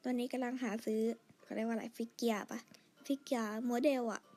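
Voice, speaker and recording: A woman chatting quietly through her game, pleading for lucky draws and gushing over outfits. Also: on the high side, fairly even intonation, fast. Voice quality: quiet, soft-spoken. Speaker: gamer narrating her play. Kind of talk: casual game commentary.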